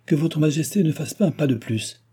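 An anxious, overzealous palace officer pleading in a lifted, urgent voice, as a male audiobook narrator plays him. His speech is earnest and imploring, with a husky, dark undertone. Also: a little high, lively intonation, fairly quick, voice pushed up. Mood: alarmed.

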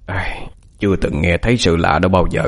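An actor playing a nervous, flustered village man in an audiobook. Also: low-pitched. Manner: hurried, flustered.

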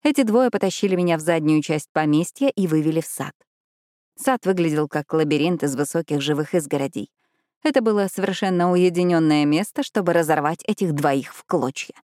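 Low-voiced woman reading an audiobook. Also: fairly quick, darkish tone, dry recording, studio quality. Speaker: audiobook narrator. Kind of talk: first-person scripted narration.

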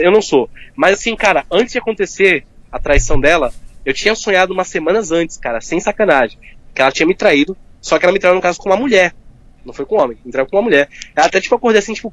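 A man's voice: fairly high pitch, fairly bright tone, dull audio. A man, a guest talking candidly and informally, packing his speech with fillers. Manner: fast, informal, full of fillers like "cara". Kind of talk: candid personal conversation.

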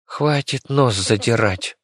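A man voicing a practical young girl who speaks briskly and grumbles. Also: mid-range voice, no echo, studio quality, pitched above the performer's own voice, natural voice. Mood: tired grumbling. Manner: brisk, grumbling when calm.

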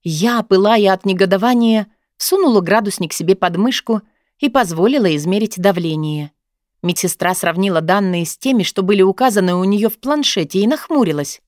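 A woman narrating a first-person story as an audiobook, with a sharp, sarcastic edge. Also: mid-range voice, lively intonation, fairly quick, no room sound, clean studio sound.

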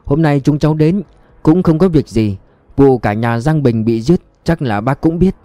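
Give me a man playing a blunt, angry detective boss with a mellow voice. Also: fairly high pitch, expressive, moderate pace, dry recording, close to an everyday voice. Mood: firm, questioning. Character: blunt, hot-tempered male police chief, middle-aged.

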